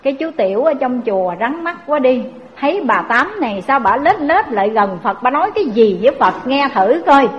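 Woman preacher, high voice, lively story-led sermon, dull recording. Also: a little fast, few pauses, slight background noise. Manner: lively, addresses audience directly with rhetorical questions. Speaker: Buddhist preacher.

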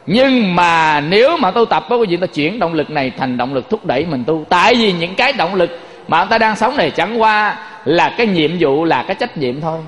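A man's voice: sits high, lively intonation, normal speed, fairly bright tone, long reverb tail. A man giving a folksy Buddhist sermon, telling stories and constantly addressing his listeners. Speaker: Buddhist monk teacher.

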